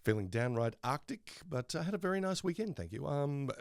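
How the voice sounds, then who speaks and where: An Australian man chats as a podcast co-host with a gravelly, creaky edge. His pitch moves around freely, and his delivery is wry and tongue-in-cheek, with some hesitant phrasing. The sound is close and dry. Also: big pitch swings, brisk, no echo. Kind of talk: casual banter.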